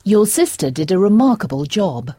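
A woman's voice: mid-range voice, sing-song, moderate pace, warm tone, slightly rough, no room sound, clean studio sound. A woman answering as a student in a recorded language course, pronouncing each word carefully. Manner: short answers, careful pronunciation.

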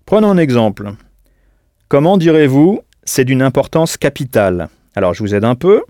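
A man's voice: mid-range voice, big pitch swings, normal speed, dark tone, dry recording, clean studio sound. A man teaching a scripted audio language lesson, patient and didactic, prompting the listener to answer.

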